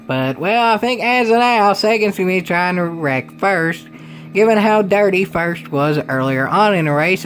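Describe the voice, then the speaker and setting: A man with a high-pitched voice calls a video game race in a put-on country drawl. His delivery is folksy and playful, peppered with hokey sayings. A faint hiss sits under the voice. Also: fairly bright tone. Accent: put-on exaggerated country drawl. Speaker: race commentator for a video game racing league. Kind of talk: sim-racing play-by-play commentary.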